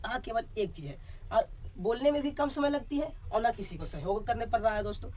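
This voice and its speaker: Fast-talking man teaching a lesson. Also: very high-pitched. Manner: keeps checking in with "ठीक है?" and quizzes the viewers. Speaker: Hindi teacher. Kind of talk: classroom lesson at a board. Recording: voice a bit far from the mic, faint background noise.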